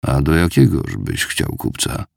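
A gruff, blunt old veteran who mutters, as a man reads him. The voice is deep and gravelly, close and dry. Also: huge pitch swings, measured pace, a little mellow, no room sound, heavily acted. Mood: blunt teasing.

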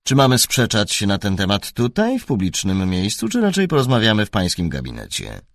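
A man voicing a calm and shrewd male detective who speaks in a soft, measured, dry way. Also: lowish voice, dry recording.

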